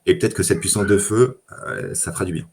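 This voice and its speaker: A man speaking in casual tech chat as a data engineer guest, relaxed, with lots of fillers and restarts. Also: low-pitched, brisk, gravelly.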